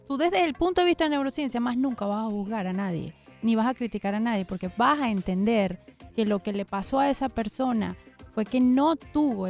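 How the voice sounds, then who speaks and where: A woman's voice: fairly high pitch, gravelly, darkish tone. A woman, a guest expert, explaining ideas earnestly in an interview, often in lists. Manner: earnest, explanatory, list-like phrasing.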